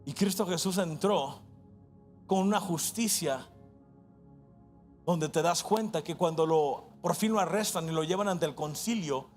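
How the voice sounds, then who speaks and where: A man with a Mexican Spanish accent preaching a sermon as pastor, impassioned, switching between quick asides and slow, stressed phrases, and shouting at the peaks. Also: sits high.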